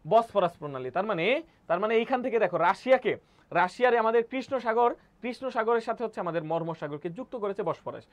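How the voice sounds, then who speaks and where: Brief: high-pitched male coaching teacher, jokey and repetitive, keeps quizzing students. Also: lively intonation, fast. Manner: playful, repeats key words and quizzes students. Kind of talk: admission test coaching lecture.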